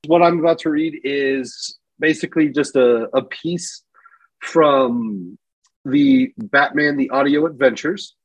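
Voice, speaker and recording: A man co-hosting a podcast, talking in a relaxed conversational storytelling register. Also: on the high side, slow, husky, rough recording. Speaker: podcast co-host. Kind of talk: casual chat and dramatic story reading.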